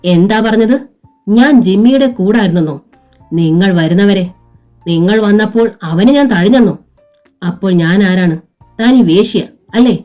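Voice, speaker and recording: A woman acting out a wounded, defiant mother in a storybook reading. Her voice lifts with indignation over a dark, mellow base. The recording is dull and lo-fi, with faint music behind. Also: mid-range voice, a little slow, natural voice. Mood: outraged. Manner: tearful, indignant pleading. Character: wronged young mother, proud and defiant.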